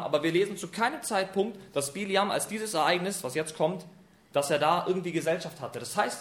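A man preaching with a high, sharply swooping voice, retelling a scripture story in everyday, vivid language. His delivery is animated and emphatic. The sound rings in an echoey room. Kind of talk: sermon.

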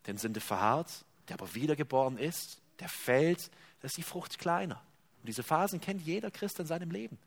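Earnest male preacher, fairly high voice. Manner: earnest, addresses listeners as dear ones. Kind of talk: sermon.

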